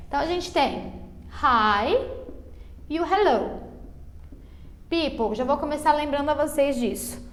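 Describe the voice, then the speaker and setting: A Brazilian woman with a high, bright voice and a Brazilian Portuguese accent teaches English to beginners. She stretches out her explanations and keeps checking in with her students. Her tone stays patient and teacherly throughout. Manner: patient, drawn-out explanations full of diminutives and check-ins like "ok?". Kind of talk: online English lesson for beginners.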